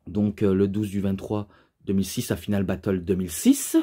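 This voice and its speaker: A man's voice: sits low, flat delivery, normal speed, dark tone. A young man, casually reviewing a wrestling DVD in a rambling way, full of fillers and restarts.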